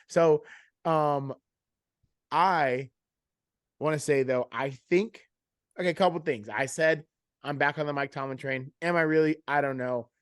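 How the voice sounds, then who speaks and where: A man co-hosting a casual sports podcast, talking in an animated, rambling way and often cutting himself off. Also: mid-range voice, no room sound, clean studio sound. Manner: animated, rambling, self-interrupting. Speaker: podcast co-host.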